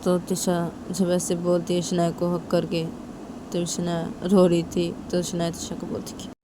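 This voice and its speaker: A woman narrating a romance story in a low, plain voice, repeating the characters' names often. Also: completely flat delivery, unhurried, background noise. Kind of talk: casual spoken story narration.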